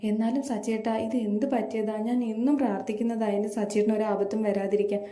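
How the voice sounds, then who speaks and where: A woman's voice: fairly high pitch, level tone, warm tone, reverberant, close to an everyday voice. Woman reading an anxious, tearful young wife. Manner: anxious rapid questions.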